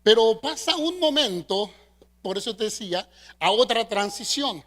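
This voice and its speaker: A middle-aged man with a Mexican Spanish accent preaching a sermon as pastor, leading the congregation in call-and-response and swinging between loud emphasis and soft asides. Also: high-pitched, animated, moderate pace. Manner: preaching with call-and-response, asking the congregation to repeat after him.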